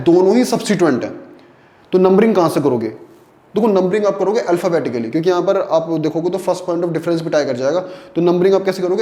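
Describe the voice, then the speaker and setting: A man's voice: high-pitched, dark tone, roomy sound. A man teaching a chemistry lesson in Hindi, explaining step by step and often checking whether students follow. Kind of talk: online lecture.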